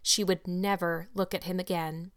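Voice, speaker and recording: A woman narrating a classic storybook in an expressive, measured reading. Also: lowish voice, smooth. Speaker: audiobook narrator.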